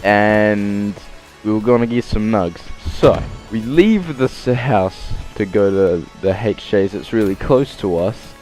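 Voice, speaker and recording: A man's voice: on the low side, expressive, slow pace, a little mellow, faint music behind. A young Australian man casually telling a story on his vlog, swearing freely and acting out what people said. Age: young adult. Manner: swears freely, acts out quotes in voices. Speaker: vlogger.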